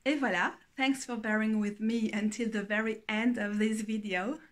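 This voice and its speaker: A tired young French speaker with a Belgian French accent reviews a tarot deck in English for a casual video, hesitating and often searching for words. Her voice is fairly high, steady in tone, and moderately paced.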